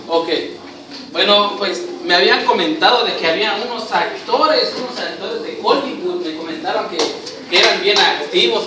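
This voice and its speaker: High-voiced man in an echoey hall. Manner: rambling, full of fillers, playfully bossy. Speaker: sketch director and performer. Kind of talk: improvised comedy sketch before an audience. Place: church hall. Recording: echoey hall, far from the mic, noisy.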